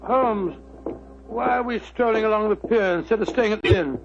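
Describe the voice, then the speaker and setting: An actor in a 1940s radio drama playing a bluff, bumbling older gentleman doctor with an English accent, blustering and stammering. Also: sits high, normal speed, creaky, over music. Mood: bluff, fussy. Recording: dull, noisy old radio recording.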